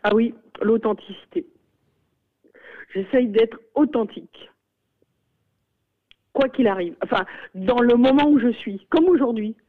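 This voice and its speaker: A woman's voice: a little high, measured pace, long pauses. Hesitant middle-aged woman on a phone-like line. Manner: hesitant, many fillers and exclamations. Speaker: school principal. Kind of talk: radio interview. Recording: phone-like radio sound.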